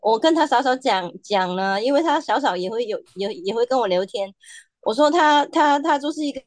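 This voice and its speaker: A woman chatting as a podcast guest, telling her own story with animated quoted asides. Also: a little high, no room sound. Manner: animated storytelling, quoting others in quick asides. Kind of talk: casual chat.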